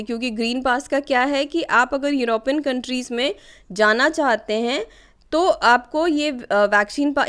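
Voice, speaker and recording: A woman's voice: fairly high pitch, clear, resonant tone. A woman explaining current affairs questions for exam preparation in a chatty way, often checking in with "okay". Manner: conversational, many fillers and "ठीक है" check-ins. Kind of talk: exam-prep lesson explaining news questions.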